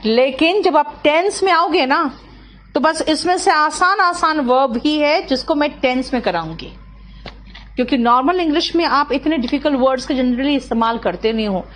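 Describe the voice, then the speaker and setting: A woman's voice: high voice, expressive, a bit bright, a little hiss or hum. A woman teacher, lecturing an online class, checking often whether students follow and calling on them by name. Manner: explains slowly, checks often with "clear?" and "है ना". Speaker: English teacher.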